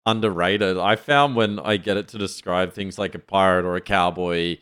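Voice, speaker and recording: Very deep-voiced man co-hosting a podcast. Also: clear, resonant tone. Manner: relaxed, measured, reads out quotes. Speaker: podcast co-host. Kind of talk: casual tech chat.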